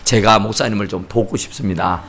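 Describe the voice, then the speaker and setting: A man voicing a jealous, scornful husband who is a doctor, speaking in a lowered, grumbling, condescending way. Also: a little fast, gravelly, noisy background.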